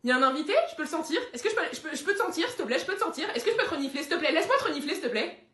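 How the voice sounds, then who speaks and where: A needy, barking-mad pet dog in a comedy sketch, as a woman puts it on, shrill and urgent. The voice is high and bright. The room gives an echo. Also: fairly quick. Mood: greedy. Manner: frantic, shouting and pleading.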